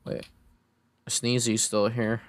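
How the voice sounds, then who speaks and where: A man plays Minecraft with a friend, joking around and muttering casual reactions to the game. His medium-pitched voice stays monotone and unhurried. He is a Minecraft server player who hosts the channel, and the talk is relaxed gaming chat.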